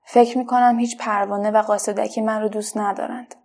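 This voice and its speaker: A woman voicing a lonely, gentle artificial red flower in a children's story, speaking softly and wistfully. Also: mid-range voice, level tone, close to an everyday voice. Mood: weary. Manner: soft, wistful, quietly pleading.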